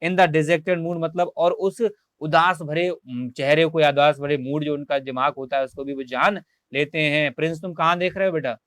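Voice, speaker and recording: A man's voice: a little high, fairly even intonation, moderate pace, fairly bright tone, no room sound. A male teacher, leading an online class. He reads English lines and explains each word, asking and answering his own questions. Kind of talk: online class lecture, translating English text.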